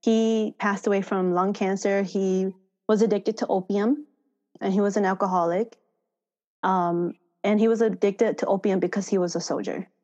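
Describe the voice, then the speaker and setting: Interview guest: woman, mid-pitched, relaxed and laughing, slightly lo-fi recording. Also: normal speed. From Thailand. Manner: laughs often, relaxed storytelling with fillers. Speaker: farmer education manager. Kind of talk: casual interview conversation. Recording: slightly dull lo-fi sound.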